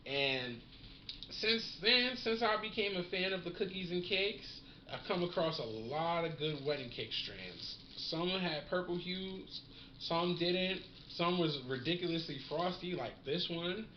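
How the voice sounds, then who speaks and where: A man's voice: high-pitched, measured pace. A man talking casually in slang while smoking and reviewing a cannabis strain. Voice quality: slangy, relaxed, savoring. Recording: roomy, dull lo-fi sound with faint noise.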